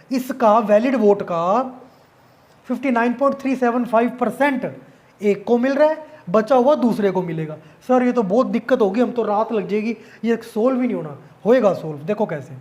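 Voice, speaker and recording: A man's voice: very high voice, a little mellow. A male math teacher explaining an exam-prep lesson casually, asking questions and answering them himself.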